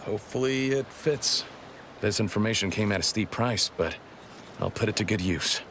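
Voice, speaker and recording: Stern formal resistance guy in a video game, lowish voice, clear noise behind him. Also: a bit bright. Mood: grateful, contrite. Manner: formal, measured. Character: stern, formal male resistance operative, surly but softening.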